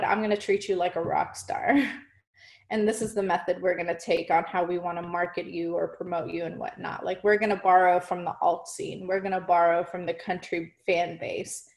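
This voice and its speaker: A woman's voice: on the low side, darkish tone. A woman talking casually as an interview guest, chatty and full of fillers. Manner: chatty, fillers like "like" and "you know". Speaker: music marketing guest.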